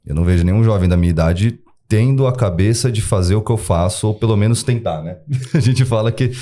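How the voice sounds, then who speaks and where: A young man in his twenties talks easily as a podcast guest, his voice low and mellow. He tells family stories in a relaxed way and laughs readily. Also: brisk. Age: 20s. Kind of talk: podcast conversation.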